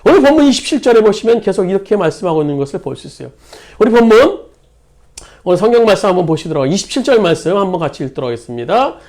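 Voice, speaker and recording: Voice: medium pitch, very animated, very fast, darkish tone. A pastor preaching a sermon in a church, stressing key words by repeating them. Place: church sanctuary.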